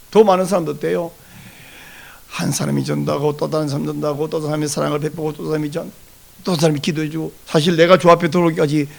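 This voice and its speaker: A man preaching a Sunday sermon as pastor, lively and animated, acting out the voices of people he quotes. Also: sits high, gravelly.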